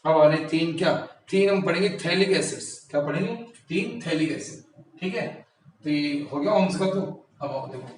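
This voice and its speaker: A man's voice: fairly high pitch, normal speed. A man teaching a chemistry lesson, repeating key terms and asking himself rhetorical questions, recorded in a room from a distance. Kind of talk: classroom lecture. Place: classroom or coaching room. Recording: very echoey room, mic at a distance, faint noise.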